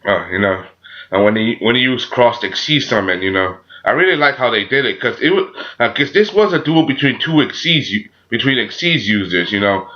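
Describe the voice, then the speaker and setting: A man with a sore throat gives a casual, unscripted review as a channel host, halting and often repeating himself with frequent filler phrases. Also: medium pitch, expressive, bright, forceful tone. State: sore throat, a little sick. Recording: dull, muffled lo-fi audio.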